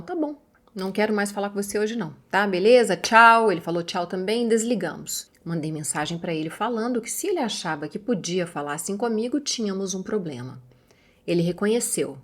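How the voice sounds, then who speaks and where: A woman with a Brazilian accent hosting her channel. She reads a viewer's story aloud and breaks off for expressive, chatty asides to her audience. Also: medium pitch. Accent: Brazilian Portuguese. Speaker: YouTube channel host.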